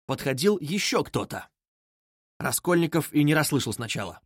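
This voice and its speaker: A man narrating a classic novel aloud in a dramatic, expressive style. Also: a little high, moderate pace, husky, no echo, studio quality. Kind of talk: literary audiobook narration.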